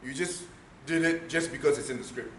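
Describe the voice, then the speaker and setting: A male trainer lectures a room, punching key words and checking in with "okay?" and "right?". His voice is bright and forceful. The sound is roomy with a faint hiss behind it. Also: fairly high pitch, fairly quick. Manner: emphatic, asks the room questions. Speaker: speaking trainer. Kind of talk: workshop lecture. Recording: echoey room, faint noise.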